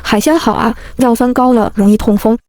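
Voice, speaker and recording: A woman's voice: on the high side, fairly even intonation, fast, dark tone, no room sound, close to an everyday voice. A woman voicing an aloof, sarcastic young male film star who mutters snide asides in an audiobook reading. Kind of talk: audiobook narration.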